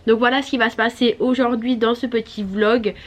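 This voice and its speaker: A woman chatting casually in a vlog, her voice hoarse, congested and duck-like from swollen tonsils, speaking in a chatty, hesitant way. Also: fairly high pitch, steady tone, fairly quick. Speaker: vlogger. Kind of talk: casual vlog chat to camera.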